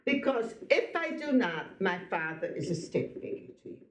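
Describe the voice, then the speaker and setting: In a live talk to students, a Belgian-born Holocaust survivor in her late sixties tells her life story, speaking to them directly in a chatty, rambling manner. Her mid-range voice swings widely in pitch at a normal speed, with a bit of hiss or hum. The room is echoey and the audio sounds dull and muffled.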